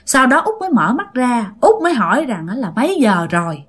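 A woman's voice: high voice, big pitch swings, a little fast, fairly bright tone, husky. A woman telling a ghost story in a chatty, repetitive way, speaking directly to her listeners.

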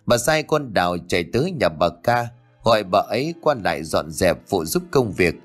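Low-voiced male audiobook narrator. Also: moderate pace. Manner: steady storytelling, formal sign-off. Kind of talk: scripted story narration. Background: faint music.

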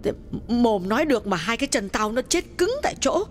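A woman voicing a frightened older village woman in an audiobook, speaking in a trembling, hushed and urgent way. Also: mid-range voice, expressive, normal speed, lightly acted. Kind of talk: audiobook dialogue reading.

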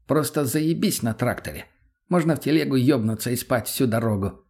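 A man voicing a crude, foul-mouthed male junkie who swears, whines and flares up fast. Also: mid-range voice, lively intonation, darkish tone, breathy edge. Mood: grumbling.

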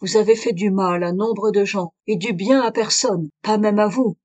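A woman's voice: mid-range voice, normal speed, darkish tone, lightly acted. A woman reading aloud, voicing a dignified foreign woman who speaks in a firm, earnest way with a foreign accent. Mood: scornful. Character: proud exiled woman, dignified, confessing a crime.

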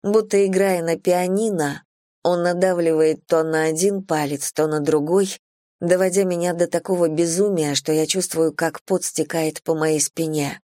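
A woman narrating a first-person romance audiobook in an even, intimate, low-key reading. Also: normal speed, no echo, clean studio sound.

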